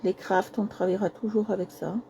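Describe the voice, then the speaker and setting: A woman hosting a casual live craft stream, hoarse with a cracking voice, speaking softly and apologizing often while repeating herself. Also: mid-range voice, fairly even intonation, brisk, slight background noise.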